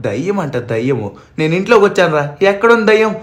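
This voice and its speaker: Brief: a brash, bossy young man, voiced by a man, quick and fairly high, scolding and blustering. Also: sing-song. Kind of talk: cartoon fan dub over gameplay.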